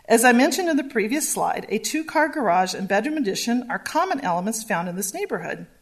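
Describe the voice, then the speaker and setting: A woman staff planner presenting a zoning variance report at a public hearing, measured and reading from slides. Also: a little high, big pitch swings.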